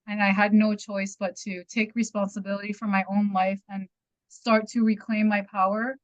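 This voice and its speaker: A woman in her thirties, originally from Iran, shares her story candidly and with emphasis. Her pitch stays narrow and flat, and the audio sounds dull and completely dry. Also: moderate pace, no echo. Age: 30s. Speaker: participant sharing her story.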